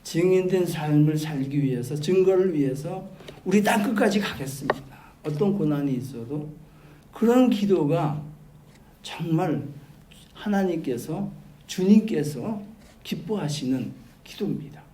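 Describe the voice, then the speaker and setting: A male pastor preaching a sermon. He turns from loud, emphatic exclamations to soft, quiet asides. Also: a little high, lively intonation, a little slow. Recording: roomy church hall with faint background noise.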